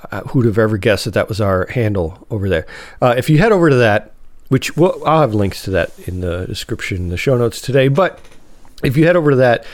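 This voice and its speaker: A man's voice: mid-range voice, a little mellow, no room sound. Man, podcast host, nasal from a cold, casual rambling chat, dry close mic. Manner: rambling, self-correcting, chatty. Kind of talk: casual solo podcast talk.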